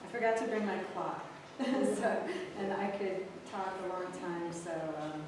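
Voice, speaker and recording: Woman guest lecturer, relaxed and friendly, mid pitch, far off-mic in a very echoey room with clear background noise. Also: unhurried. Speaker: guest speaker on fiddles. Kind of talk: informal lecture.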